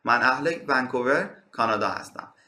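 Male teacher from Iran; bright, clear tone, roomy echo; slow, careful drilling of phrases. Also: medium pitch, lively intonation. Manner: slow, carefully spaced English examples between quick explanations. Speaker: English teacher. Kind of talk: bilingual language lesson.

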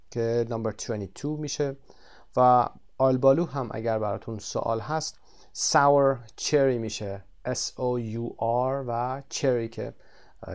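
A man teaching English vocabulary in a textbook lesson, drawing out the English words slowly and explaining quickly in between. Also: medium pitch, darkish tone.

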